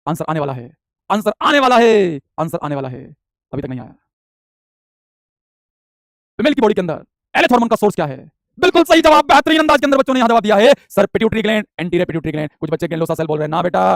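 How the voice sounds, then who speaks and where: Male biology tutor, very fast, energetic drill-style lecturing, dry close mic. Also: sits high, dry recording. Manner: energetic, repetitive drilling, calls students beta. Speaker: biology teacher. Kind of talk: live online exam-prep lecture.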